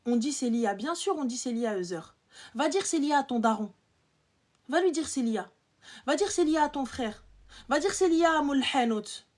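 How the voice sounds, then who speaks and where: A young woman on a live stream, scolding her viewers in an animated rant full of rhetorical questions, swinging from loud outbursts to low muttering. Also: moderate pace. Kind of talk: ranting live-stream monologue.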